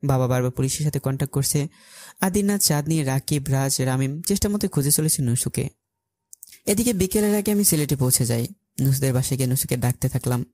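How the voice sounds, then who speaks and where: A man's voice: a little high, mellow. A man narrating a dramatic first-person story in an urgent, emotional way.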